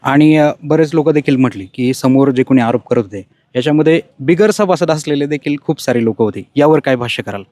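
A man's voice: medium pitch, fairly quick, few pauses, mellow, no echo. A man working as a reporter, asking interview questions with hesitant filler sounds.

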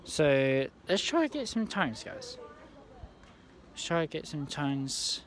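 A young man vlogging on a railway platform, talking in a halting, rambling way with many restarts, into a phone held at arm's length. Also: fairly high pitch, sing-song, fairly bright tone. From England. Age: young adult. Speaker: trainspotting vlogger. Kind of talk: casual handheld vlog. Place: outdoor railway station platform.

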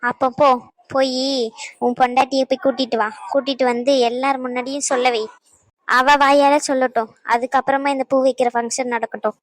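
Woman doing a bossy young woman in a cartoon, firm, high pitched, dry sound. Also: flat delivery, a little fast, dry recording, lightly acted. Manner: firm, commanding.

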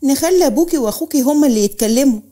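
A woman's voice: high-pitched, lively intonation, racing. A woman voicing a furious jealous young man. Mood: threatening. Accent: Egyptian Arabic. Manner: shouting and cold threats. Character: jealous hot-tempered young man, menacing cousin.

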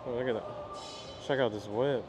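A man's voice: medium pitch, fairly quick, over music. A man casually narrating as he browses stalls at an outdoor flea market, chatting about vintage finds. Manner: relaxed, chatty running commentary while browsing. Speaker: vlogger.

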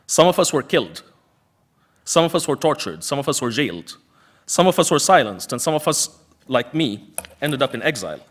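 A man's voice: mid-range voice, big pitch swings, brisk. Man giving an emphatic lecture. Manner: emphatic, rhetorical repetition. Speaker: panel speaker, activist. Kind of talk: prepared lecture speech.

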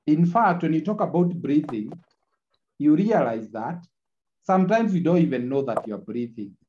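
A lecturer teaches an online class, captured through a screen recording of the video call, where the highs are cut off. His fairly high, warm voice has lively intonation at normal speed, and he keeps repeating his points and checking in with a tagged "eh?".

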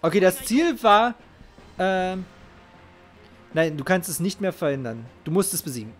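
A middle-aged man, a game streamer, talks at a normal speed in a voice that sits high and sounds animated. His live commentary is casual yet emphatic and full of feeling, with phrases said over and over. Game music plays as he speaks through a headset close to his mouth in his home streaming space.

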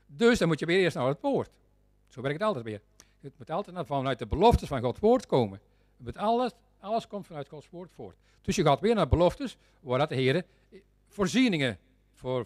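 A man with a Flemish accent preaching a sermon, fervent and repetitive, swinging between loud exclamations and quiet, intense stretches. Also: a little high, big pitch swings, moderate pace, no room sound, studio quality.

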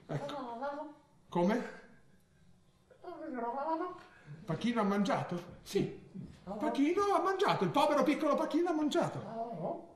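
A vain, prissy, melodramatic fusspot in a live stage monologue, his pitch swooping wildly up and down. The sound rings around an echoey theatre, with a crowd laughing along behind him. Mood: petulant. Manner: theatrical, prissy, prone to sudden outbursts. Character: vain, fussy, melodramatic man alone at home. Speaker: stage actor. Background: audience laughing.

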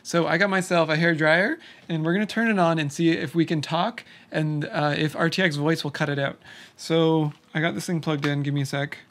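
A young man filming a casual vlog at home, walking through his camera setup in a relaxed, chatty way. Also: a little high, fairly quick, a little hiss or hum. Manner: relaxed, chatty, explains gear step by step. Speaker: YouTuber. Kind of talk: casual gear walkthrough vlog. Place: home room by a noisy computer. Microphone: studio microphone into computer.

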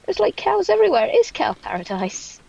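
A young woman chatting excitably as she hosts a casual gameplay let's play. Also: high voice, brisk, gravelly. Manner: chatty, excitable, sing-song chanting. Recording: dull lo-fi mic.

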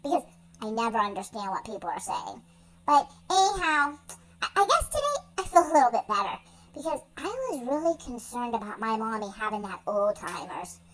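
A woman's voice: a little high, big pitch swings, fairly quick, a bit bright, poor audio. Woman voicing a sweet, stammering young dog. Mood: chatty. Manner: stammering, rambling, earnest. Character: naive young male dog, big fluffy, sweet-natured. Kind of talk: pet voice-over monologue.

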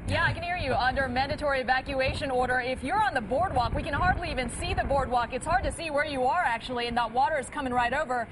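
A woman's voice: high-pitched, quick pace, hardly any pauses, noisy background. A woman working as a TV news anchor, talking conversationally with a field reporter live on air.

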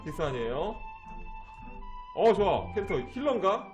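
A man's voice: sits high, sing-song, moderate pace. A man streaming a game live, chatting and thanking viewers in a sing-song way, teasing and joking as he plays. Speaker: internet streamer. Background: game music.

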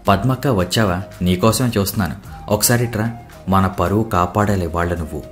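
A man reading the part of a proud, eager young woman who talks in a lively, insistent way. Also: low voice, fairly quick, soft background music, lightly acted.

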